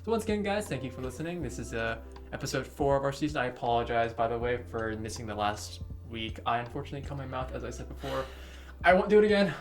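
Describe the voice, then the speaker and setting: A young man co-hosts a casual podcast in an expressive, mid-range voice, with faint music in the background. He teases his co-hosts, jokes between topics, and closes with some quick plugs.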